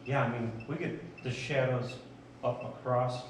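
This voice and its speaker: A man chatting casually and haltingly, often repeating himself as he recounts things. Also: mid-range voice, steady tone. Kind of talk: casual chat. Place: large indoor bowling alley. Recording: echoey room, distant mic, noisy.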